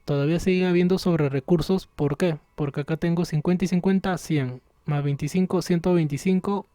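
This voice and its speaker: A man teaching a recorded online class, explaining patiently and thinking aloud as he works through software, from a room at home near the street. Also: on the high side, fairly even intonation, a little fast, no echo.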